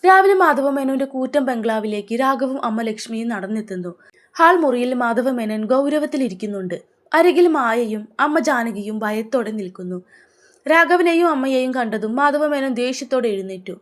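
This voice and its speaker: A woman narrating a dramatic family story with an even, measured reading. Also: a little high.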